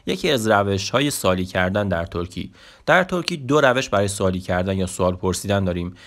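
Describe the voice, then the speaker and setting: Low-voiced man teaching a language lesson. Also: expressive. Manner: patient, repeats example sounds slowly and loudly.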